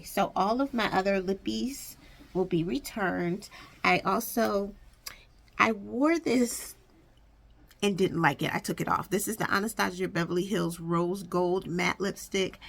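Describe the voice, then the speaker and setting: A woman's voice: mid-range voice, vocal fry. A woman talking casually to viewers as a beauty vlogger, rambling and thinking aloud as she corrects herself. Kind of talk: casual makeup stash chat to viewers. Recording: audible background noise.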